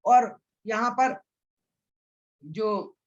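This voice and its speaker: Male teacher, fairly high voice, slow deliberate chanting, rhetorical questions; muffled lo-fi recording. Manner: poses questions and answers them himself; chants verses slowly and deliberately. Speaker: scripture teacher. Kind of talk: explanatory lesson.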